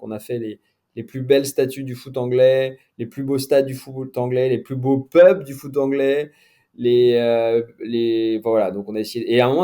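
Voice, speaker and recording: A man's voice: medium pitch, dark tone. A middle-aged man, a sports journalist guest, chatting casually in an interview with many fillers and restarts.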